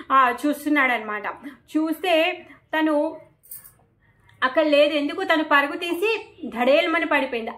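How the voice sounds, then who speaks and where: Woman, high voice, devotional storyteller, casual retelling, frequent fillers. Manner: lively, with frequent fillers and acted-out quotes.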